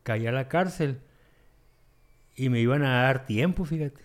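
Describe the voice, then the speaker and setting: Guy sharing his recovery story, stops and restarts a lot, acts out the voices. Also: medium pitch. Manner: halting, repeats phrases, acts out dialogue in his story. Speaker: guest sharing a recovery testimony. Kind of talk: emotional personal storytelling.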